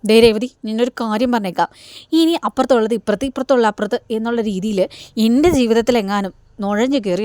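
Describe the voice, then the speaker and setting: A woman's voice: a little high, a little mellow, dry recording, natural voice. A woman voicing an angry, defensive young wife in a story recap. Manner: threatening, indignant.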